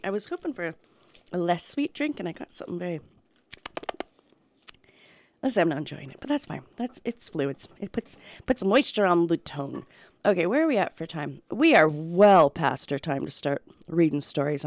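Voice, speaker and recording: Husky-voiced woman radio host, playful. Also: darkish tone. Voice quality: low husky morning voice. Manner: playful, self-mocking, chatty. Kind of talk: casual radio chat and storytelling.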